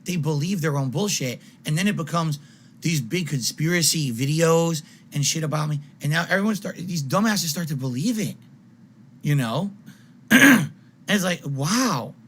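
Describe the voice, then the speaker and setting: A man's voice: fairly high pitch, moderate pace. A man ranting wildly on a live stream as a game streamer, exasperated, confrontational and repetitive, with emphatic swearing. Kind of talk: angry rant on a live stream.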